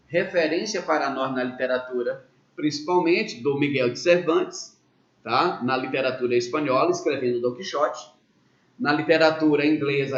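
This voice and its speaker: A man with a Brazilian accent teaching literature to a pre-university prep class, explaining step by step and tagging his points with quick checks to the students. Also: a little high. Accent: Brazilian Portuguese. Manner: explains step by step, tags lines with "tá?" and "né?". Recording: roomy, dull lo-fi sound.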